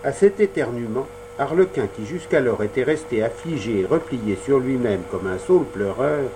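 A man reading a children's classic aloud as audiobook narrator, measured and expressive. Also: mid-range voice, noisy background. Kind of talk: scripted narration.

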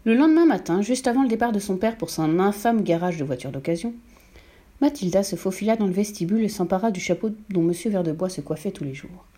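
A woman reads a children's novel aloud as an audiobook narrator. She tells the story in a measured, expressive manner. Her voice is mellow and warm, at a middle pitch.

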